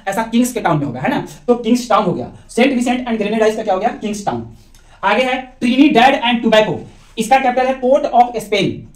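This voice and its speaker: Quick teacher, mid pitch, roomy echo, mnemonic exam lesson, asks and answers himself. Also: a little mellow. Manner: explaining with little stories and repeated questions.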